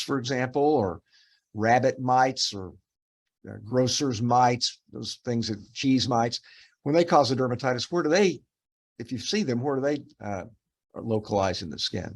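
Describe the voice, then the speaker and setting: A medium-pitched man walks through a dermatopathology case review on a video call, teaching patiently while his speech is full of fillers and false starts.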